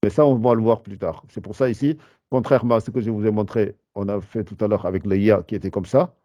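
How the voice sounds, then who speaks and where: A man explaining a beginner's lesson in a patient, halting way, with frequent fillers and restarts. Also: fairly low pitch, steady tone, warm tone, no echo, highs cut off. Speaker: Arabic teacher.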